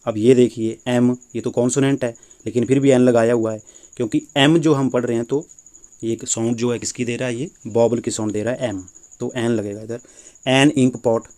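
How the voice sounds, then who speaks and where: A man's voice: mid-range voice, a little mellow. A man teaching a grammar lesson, patiently explaining and repeating points with rhetorical questions.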